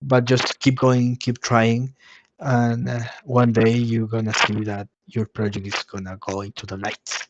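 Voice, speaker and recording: A man's voice: medium pitch, flat delivery, a little slow, muffled recording, heavy background noise. A man speaking as a game developer guest in a video call interview, his voice cutting out over a bad connection, hesitant and repeating words as he talks.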